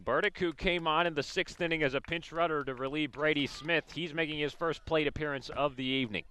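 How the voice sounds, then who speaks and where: In live radio sports coverage, a man gives baseball play-by-play in clipped, descriptive calls as things happen. His fairly high voice is steady, fairly quick, pushed and bright, yet smooth.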